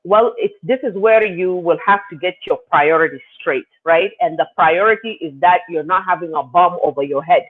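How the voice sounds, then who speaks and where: A high-pitched male voice at a normal speed with few pauses: a South Sudanese man living in Canada, a guest in an interview, tells his story in a loose, rambling way full of fillers. His answers are casual, and the audio comes through a tinny phone line.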